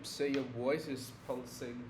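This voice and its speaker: A man's voice: mid-range voice, steady tone, a little slow, reverberant. A male student giving polite, brief replies in an online lesson. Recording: distant call audio with noise.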